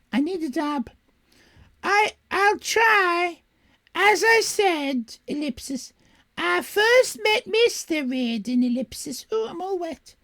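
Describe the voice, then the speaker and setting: A woman voicing a tearful, sobbing lady witness in a melodramatic read-aloud story, with a squawky, quavering high voice. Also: a bit bright, dry recording, clean studio sound, heavily acted. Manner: melodramatic, sobbing between phrases.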